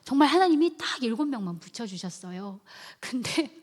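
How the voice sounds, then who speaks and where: Woman telling a lively church testimony. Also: on the high side, fairly quick. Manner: lively storytelling, acting out quotes, dropping to hushed asides. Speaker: church member giving a testimony. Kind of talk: personal testimony at a worship service. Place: church sanctuary. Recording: long reverb of a church hall.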